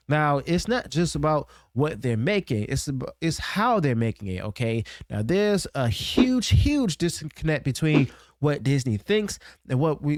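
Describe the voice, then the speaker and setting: Sounding on the high side and a little mellow, a male online commentary host riffs on his opinions without a script, restarting sentences and emphatically punctuating points with "okay?" and "now." The recording is dry and studio quality.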